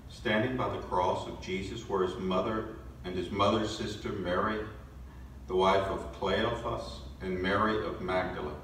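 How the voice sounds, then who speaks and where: A man leading Mass as a priest, reading the gospel and then beginning a halting homily, with a cathedral echo around his voice. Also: sits low, steady tone, fairly bright tone. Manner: halting, self-correcting in the homily. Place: large church. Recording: echoey church, distant mic, faint noise.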